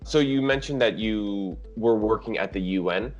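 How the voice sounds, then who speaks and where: A man's voice: on the low side, normal speed. A male interviewer asking brief, direct questions. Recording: dull lo-fi sound, faint music.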